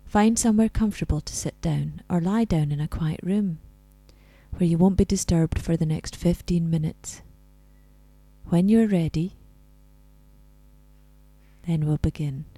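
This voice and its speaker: Very soft, slow, breathy woman guiding relaxation. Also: lowish voice, no room sound, low-quality recording. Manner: soft, soothing spa-like delivery, breathy and near whisper at times. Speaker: guided relaxation narrator. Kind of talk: scripted guided relaxation meditation.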